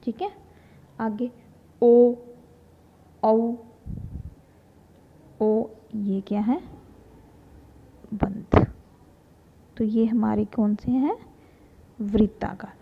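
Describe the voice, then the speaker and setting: A woman teaching a Hindi grammar lesson, slowly sounding out vowels and talking to her students as children. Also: a little high, creaky, a little hiss or hum. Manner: slow, drawn-out demonstration of vowel sounds, addresses students as children. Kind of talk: classroom lesson. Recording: dull lo-fi recording.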